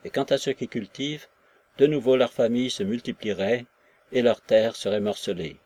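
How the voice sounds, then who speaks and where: A man's voice: medium pitch, a little mellow, close to an everyday voice. Man reading Nekhludov, an earnest landowner. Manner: earnest, persuasive, measured. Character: idealistic young male landowner, earnest and reasoning. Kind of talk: audiobook character reading.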